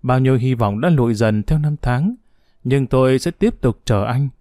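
Male story narrator, warm dark tone, dead-dry studio read. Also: medium pitch, expressive, normal speed, no room sound. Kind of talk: scripted narration.

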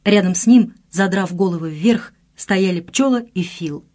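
A woman narrating an audiobook with an expressive storytelling delivery. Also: fairly low pitch, moderate pace.

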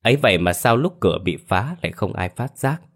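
A man reads a scripted horror story at a steady, measured pace. His voice sits very low, giving the tale a grave weight.

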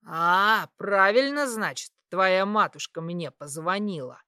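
A woman voicing a cruel, mocking young male satyr who taunts and threatens in a lowered, sneering voice. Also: animated, takes it slowly, bright, forceful tone, clean tone, no room sound, studio quality.

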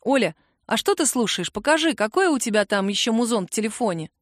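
A woman's voice: on the high side, lively intonation, quick pace, dry recording, studio quality. A woman reader voicing a guarded young woman who answers in curt, clipped lines.

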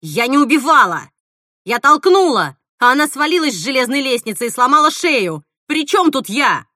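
Woman voicing a bitter killer actress for an audiobook: loud, bright, unhinged. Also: on the high side, big pitch swings, moderate pace, no echo, clean studio sound. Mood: furious. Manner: hissing, shouting, unhinged. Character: bitter, vengeful actress Mila, a murderer. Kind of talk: audiobook reading.

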